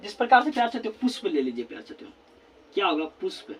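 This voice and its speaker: High-voiced man teaching grammar slowly. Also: big pitch swings, a bit bright, breathy edge. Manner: repeats words slowly while writing, constant filler phrase. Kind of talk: classroom grammar lesson at a board. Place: classroom with a board.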